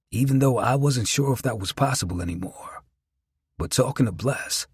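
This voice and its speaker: A man with a very husky, breathy voice reads a first-person audiobook. His delivery is reflective and earnest, and the sound is dry and close. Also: medium pitch, no room sound. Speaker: audiobook narrator.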